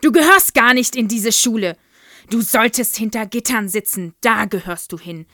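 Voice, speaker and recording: A woman's voice: on the high side, moderate pace, bright, forceful tone, dry recording, pitched above the performer's own voice. A towering, child-hating headmistress, put on by a woman reading aloud, bellows every insult at full force in a raised, strained voice. The storybook reading is dry and close, with no room sound. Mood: furious bellowing. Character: huge brutal child-hating female headmistress.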